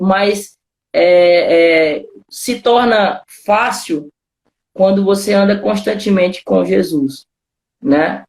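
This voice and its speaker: A man's voice: high-pitched, roomy sound. Brazilian pastor telling his story casually. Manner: informal storytelling, constant "cara" and "né" fillers. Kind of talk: casual testimony conversation.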